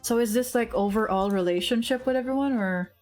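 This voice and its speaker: A woman streaming a video game, chatting casually in rambling asides with sudden high squeaks of surprise, on a desk microphone at home. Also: a little fast, darkish tone, soft background music. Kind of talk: casual game commentary while reading dialogue aloud.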